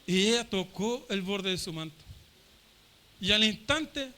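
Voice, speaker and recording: A Chilean man preaches a fervent Pentecostal sermon, repeating his phrases for emphasis and acting out the shouts of a crowd. His high-pitched voice is expressive and a little slow.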